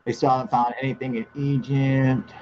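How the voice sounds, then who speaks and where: A man's voice: mid-range voice, moderate pace. Man, casual live-stream host, profane, laughs a lot, dull audio, faint hiss. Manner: profane, excitable, laughs often. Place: outdoors in humid air.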